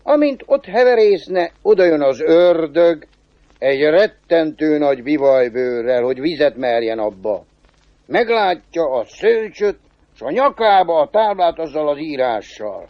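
Lively male folk-tale teller. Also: no room sound. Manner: lively, shifting pace and pitch. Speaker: storyteller. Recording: dull, dry recording.

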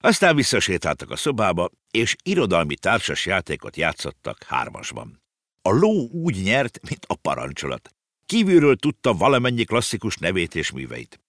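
A man narrating an audiobook with lively storytelling. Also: low-pitched, no echo, clean studio sound.

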